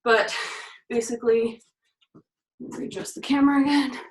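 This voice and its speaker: A woman's voice: a little high, steady tone, moderate pace. A woman fitness instructor talking through shoulder and core exercises while doing them, a little out of breath. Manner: talks through each move while doing it, counting reps. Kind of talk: exercise demonstration. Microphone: camera mic from a distance. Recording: echoey room, voice far from the mic.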